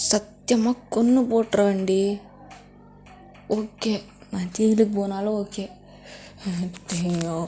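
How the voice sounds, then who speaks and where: A woman's voice: mid-range voice, warm tone, natural voice. A woman voicing a possessive, jealous young husband who pleads and threatens, in a fanfic story reading. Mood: menacing. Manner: intense, pleading then menacing.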